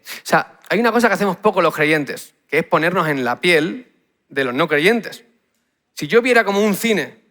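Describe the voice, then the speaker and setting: A man with a Spain Spanish accent delivers an energetic youth talk. His voice sits a little high, and his phrasing is punchy and direct. He keeps checking in with his listeners. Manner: punchy, asks the crowd "¿sí?" over and over. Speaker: youth speaker.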